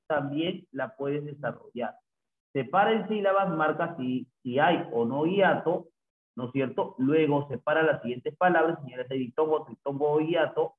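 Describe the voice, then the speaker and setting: Male teacher, slow drawn-out delivery, tinny phone-like sound in a roomy echo. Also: on the high side. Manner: slow, repeats answers, adds "¿no?" tags. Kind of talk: recorded language lesson. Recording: echoey, phone-like lo-fi audio.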